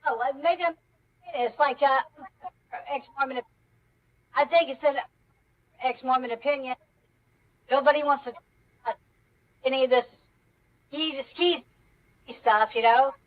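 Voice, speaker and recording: A caller talking haltingly and restarting thoughts, heard through a pitch-raising voice changer on a line whose audio keeps cutting out. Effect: audio cutting out in dropouts. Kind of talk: call-in discussion. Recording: muffled distant call-in line with dropouts.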